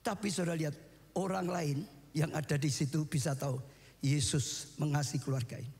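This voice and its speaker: A man preaching a sermon as pastor, with sweeping pitch swings and shouted peaks. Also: steady tone, brisk, gravelly, big-room sound.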